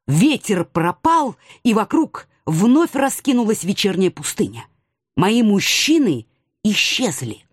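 A woman giving an expressive, playful first-person audiobook narration. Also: medium pitch, slow pace, husky, dry recording, clean studio sound.

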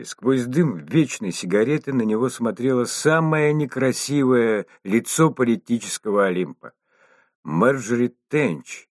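Low-voiced man reading an audiobook. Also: no echo, studio quality. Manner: steady, measured reading. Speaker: audiobook narrator. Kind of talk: scripted narration.

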